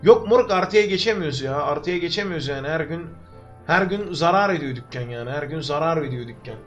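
Fast and expressive, a young man from Turkey livestreams gameplay from his room, his voice a little high and a bit bright. Faint music sits behind him as he talks to viewers and jokes to himself through a desk mic.

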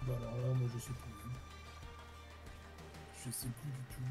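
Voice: mid-range voice, little pitch movement, unhurried, loud music behind the voice. A co-op gaming partner talking tersely in a casual chat and swearing when frustrated.

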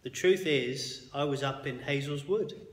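A man reading the lines of a gentle, apologetic father speaking softly to his son in a bedtime story. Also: mid-range voice, measured pace, natural voice. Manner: soft and warm. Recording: echoey hall with long reverb.

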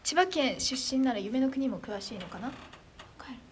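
A teenage girl from Chiba chatting casually on a livestream, reading viewer comments in a bubbly, animated, self-deprecating way. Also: high-pitched, moderate pace, a little hiss or hum. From Chiba, Japan. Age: teens. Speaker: idol trainee streamer.

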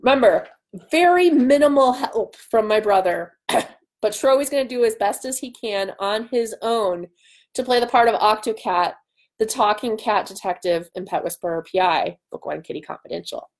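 A woman in her thirties hosts a livestream from a small room at home, speaking at a fairly high pitch and a moderate pace. She is an author, and her chat is casual and playful. Her webcam sits at arm's length and picks up her voice.

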